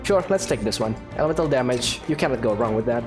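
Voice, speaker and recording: A man's voice: medium pitch, lively intonation, fast talker. A man giving casual, reactive commentary while playing a game, with game music behind. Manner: chatty, reactive, groans and laughs at the game. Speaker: gaming youtuber.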